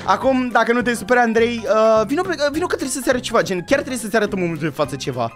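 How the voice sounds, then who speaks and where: A man's voice: very high-pitched, expressive, fairly bright tone, faint music behind. A man with a Romanian accent giving playful, teasing commentary over a game as a YouTuber. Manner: mischievous, teasing. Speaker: gaming YouTuber.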